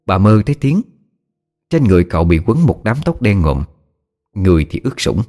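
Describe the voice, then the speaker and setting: A man calmly narrating a scripted ghost story. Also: on the low side, a little fast.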